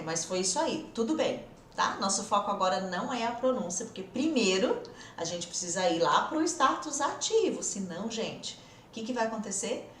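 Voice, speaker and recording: Woman, Brazilian Portuguese accent, encouraging teacher, somewhat high voice, faint background noise. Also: roomy sound, distant mic. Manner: encouraging, talks straight to the viewer, acts out students' doubts. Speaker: English teacher. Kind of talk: casual online lesson. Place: room where she must keep her voice down.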